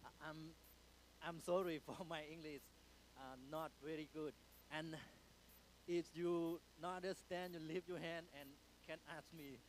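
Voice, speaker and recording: A man from Thailand with a Thai accent, speaking haltingly in English in front of a church congregation. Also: on the high side, fairly even intonation, a little hiss or hum, low-quality recording. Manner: hesitant, many fillers, apologetic. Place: church sanctuary.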